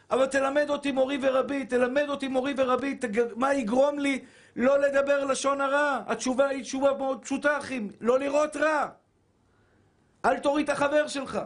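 A man preaching a Torah sermon as a rabbi, fervent and shouting, repeating phrases for emphasis and calling listeners his brothers. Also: very high-pitched. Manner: addresses listeners as brothers and dear souls.

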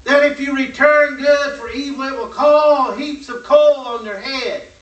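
A man teaching a Bible lesson, reading scripture aloud and adding slow, emphatic commentary with rhetorical questions. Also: very high-pitched, steady tone, fairly bright tone, muffled recording. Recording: roomy echo from a distant mic.

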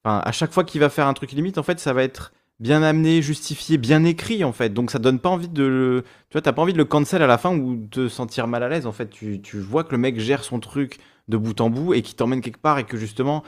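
A man in a casual discussion who explains his view in a relaxed way and trails off with fillers. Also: mid-range voice, quick pace, few pauses.

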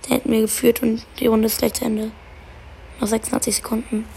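A young woman chatting casually while playing a game, excitable and slangy, cursing when things go wrong. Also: a little high, a little fast, gravelly. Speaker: gamer. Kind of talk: casual gaming chat. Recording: faint background noise.

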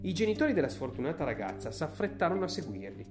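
A woman narrating a children's story aloud in an expressive audiobook reading. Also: sits low, fast talker, over music.

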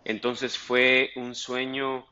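A man's voice: mid-range voice, monotone, extremely slow, sharp tone, clear, resonant tone, muffled recording. A man hosting a news podcast for immigrants, asking questions in a friendly way with short affirmations. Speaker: podcast host. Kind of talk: podcast interview and ad read.

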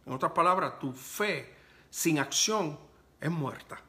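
Bright-voiced man preaching a sermon. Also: fairly high pitch, expressive. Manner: emphatic, slows to stress scripture, asks "¿verdad?". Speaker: pastor.

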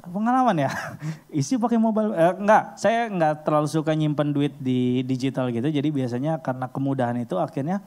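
A man giving a casual storytelling sermon, acting out little scenes with sudden leaps in pitch. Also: a little fast. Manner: animated, acts out little scenes with sudden high jumps in pitch.

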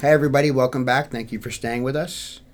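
A man's voice: mid-range voice, fairly even intonation, fast talker, soft background music. An American man from New York hosting a podcast, talking informally to listeners in an earnest, personal and plain-spoken way. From New York, United States. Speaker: podcast host.

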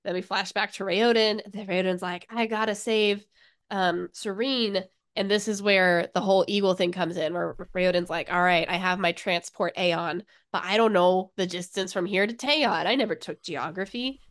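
A woman's voice: medium pitch, fairly even intonation, normal speed. Hesitant young woman recapping a book. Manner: hesitant, lots of filler, giggly. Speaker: podcast co-host. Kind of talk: casual book discussion.

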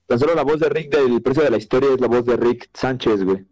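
A man's voice: medium pitch, quick pace, darkish tone. A young Mexican man in casual chat, slangy and eager to give examples. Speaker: podcast co-host.

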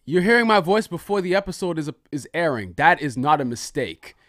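A man's voice: on the high side, very animated, fairly quick, fairly bright tone, dry recording, studio quality. A man hosting a casual podcast, bantering with playful, tongue-in-cheek bravado. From Haitian background. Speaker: podcast host.

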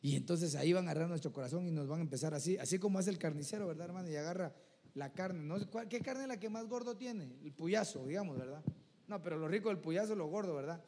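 Male preacher, high voice, earnest, conversational sermon, keeps checking in with listeners, long echo of a church hall. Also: quick pace, dark tone, breathy edge. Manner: addresses listeners as "hermano", keeps asking "¿verdad?".

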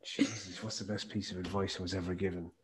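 A man's voice: low voice, fairly even intonation, quick pace. A man with a west of Ireland accent, telling stories emphatically in a conversational interview. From County Mayo, west of Ireland. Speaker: podcast guest, health and performance speaker.

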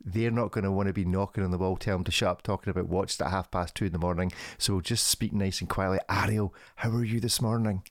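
A man's voice: deep voice, fairly even intonation, fast, few pauses, dry recording, clean studio sound. A man hosting a casual podcast chat, teasing his guests and laughing often. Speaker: podcast host.

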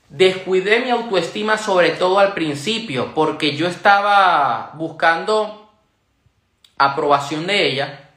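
A man's voice: a little high, pushed and bright, roomy sound. A young man telling a personal story in an earnest, confessional way as a YouTuber giving breakup advice.

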